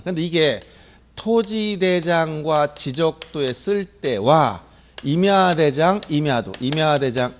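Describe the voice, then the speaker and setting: A middle-aged male lecturer with a high, lively voice that swings widely in pitch. He keeps firing questions at his class and answering them himself, in a brisk exam-coaching manner. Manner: animated, drills students with repeated questions and answers.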